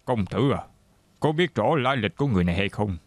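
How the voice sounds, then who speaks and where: A man's voice: lowish voice, expressive, fairly quick, dry recording. A man dubbing a proud, boastful martial arts monk. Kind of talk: dubbed TV drama.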